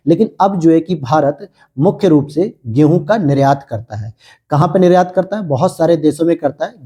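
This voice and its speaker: A man's voice: a little high, dark tone, breathy edge. A man teaching an exam prep lesson, asking questions aloud and answering them himself. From India.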